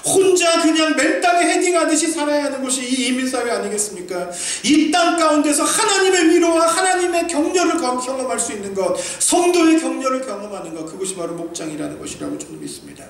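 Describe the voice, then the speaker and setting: A man from South Korea preaching a sermon as a pastor, animated and emphatic, swinging between loud peaks and quiet asides, acting out quoted remarks with humor. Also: extremely high pitch, fast, few pauses. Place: church sanctuary. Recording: echoey distant hall recording with faint noise.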